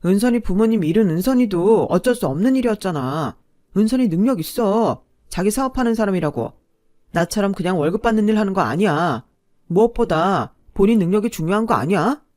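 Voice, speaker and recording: A woman voicing a gentle, meek young man who pleads softly and avoids conflict. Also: medium pitch, expressive, fairly quick, dry recording, clean studio sound, lightly acted. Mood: pleading. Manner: soft-spoken, pleading.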